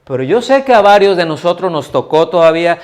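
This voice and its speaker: A middle-aged pastor with a somewhat high voice. He preaches in a chatty way, checks in with his listeners, and slips into the voices of the people he quotes. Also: very animated, brisk. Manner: conversational preaching, asks the audience questions, acts out quoted voices. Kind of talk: sermon. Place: church hall.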